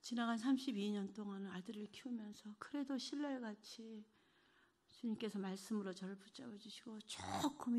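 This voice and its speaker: Her voice a little high, a middle-aged woman gives a heartfelt church testimony. She is earnest and emotional, alternating between quiet, hushed passages and fervent ones.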